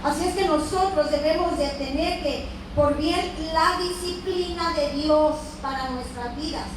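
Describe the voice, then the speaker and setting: A woman's voice: sits high, unhurried. A woman teaching a Bible lesson with fervor, breaking into amens and calls to God. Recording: echoey room from far off with noise.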